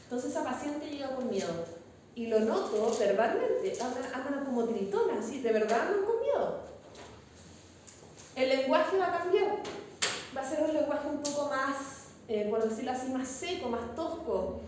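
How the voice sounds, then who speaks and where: A woman's voice: high voice, expressive, normal speed, a little mellow. Chilean woman lecturing in an echoey classroom. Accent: Chilean Spanish. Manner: conversational, checks understanding with frequent tag questions. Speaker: instructor teaching a class. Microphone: far from the mic. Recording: very echoey classroom, far-off mic, some noise.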